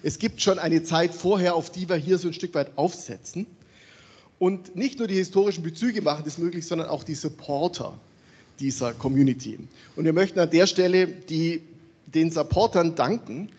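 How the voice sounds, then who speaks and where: A man's voice: fairly high pitch, normal speed, slightly rough. A man hosting a conference opening, speaking into a handheld microphone in a large hall and calling out supporters to the audience. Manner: animated, calling out names to the audience. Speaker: conference host.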